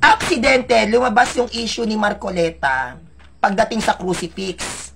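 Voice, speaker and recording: Man, casual vlogger, gravelly texture, chatty and emotional, speaks straight to viewers. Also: high-pitched, very animated, a little slow, fairly bright tone, a little hiss or hum. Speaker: vlogger telling his life story. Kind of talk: casual personal storytelling.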